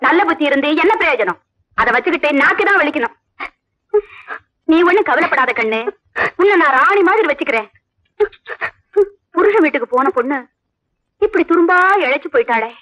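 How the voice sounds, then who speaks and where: Woman playing a sharp-tongued greedy stepmother. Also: high voice, animated, brisk, long pauses. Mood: mocking. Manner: scolding, mocking. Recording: dull audio with background music.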